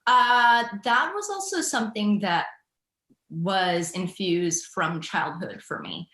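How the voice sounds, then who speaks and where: A woman's voice: medium pitch, animated, slow, bright, forceful tone, reverberant. A woman in her forties from Thailand, answering interview questions about her business in a reflective way with easy laughs. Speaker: guest, business founder.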